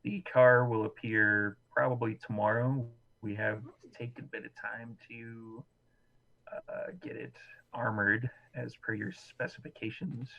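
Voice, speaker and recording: A man voicing a hushed vampire fixer. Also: mid-range voice, steady tone, vocal fry, highs cut off. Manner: quiet and measured, near whispering.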